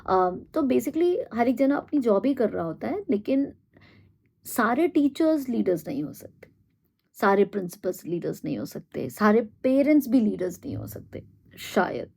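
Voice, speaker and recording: A woman giving a reflective monologue, thinking aloud with pauses and fillers and mixing in English phrases. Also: mid-range voice, gravelly, warm tone. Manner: thoughtful, pauses with fillers, mixes Hindi and English. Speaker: host.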